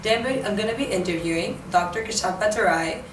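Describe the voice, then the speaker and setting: A woman's voice: mid-range voice, fast talker. Woman interviewer, distant and roomy. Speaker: interviewer for an academic institute. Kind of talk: conversational interview. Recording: roomy and distant, with background noise.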